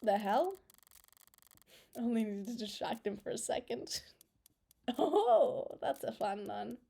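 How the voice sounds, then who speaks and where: Woman gamer, fairly high and mellow voice, lively let's-play commentary over faint game music. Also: measured pace, creaky, breathy edge. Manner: animated and excitable, reacts aloud with laughs. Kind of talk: casual gameplay commentary, reading dialogue aloud.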